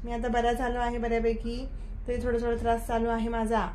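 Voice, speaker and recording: A woman speaking as her male pet bird, giving slow first-person updates on how he is recovering. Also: on the high side, monotone, a little mellow, slight background noise, lightly acted. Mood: reassuring.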